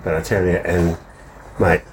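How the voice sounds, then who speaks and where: A man speaking as a guest in a casual chat, haltingly and sincerely. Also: low-pitched, level tone, a little hiss or hum, low-quality recording.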